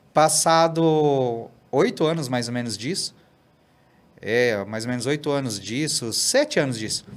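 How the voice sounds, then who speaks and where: A man, a pastor guesting on a podcast, telling a story in an animated way and often tagging "né?" and "cara". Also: a little high. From Brazil. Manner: animated, tags sentences with "né?" and "cara". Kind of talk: casual storytelling in a podcast interview.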